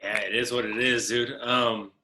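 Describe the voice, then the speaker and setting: Podcast host guy, easygoing, super bright voice, echoey room. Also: medium pitch, fairly even intonation. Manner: easygoing, quick backchannel replies. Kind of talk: casual interview.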